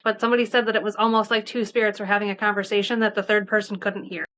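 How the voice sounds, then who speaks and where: A woman's voice: mid-range voice, little pitch movement, very fast, fairly bright tone. A woman guest on a casual podcast, curious and full of questions. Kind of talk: casual chat.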